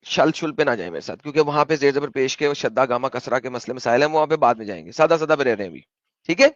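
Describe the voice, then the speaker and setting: A man hosting an argumentative online debate, pressing his opponent with questions and spelling his points out slowly over a call. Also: mid-range voice, lively intonation, no room sound, muffled recording.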